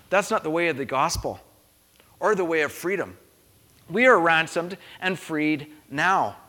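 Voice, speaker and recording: A man's voice: fairly high pitch, pushed and bright, big-room sound. A man preaching a sermon as pastor, earnest and rhythmic, building on repeated phrases. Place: church.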